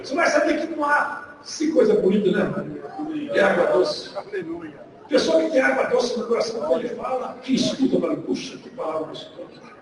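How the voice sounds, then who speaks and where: A man with a Minas Gerais Brazilian accent preaching a sermon, telling a story with acted dialogue and shouting at the peaks, in a large church hall. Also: very high-pitched, very animated, moderate pace, a crowd in the background. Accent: Brazilian Portuguese, Minas Gerais. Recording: echoey church hall from far off, noisy.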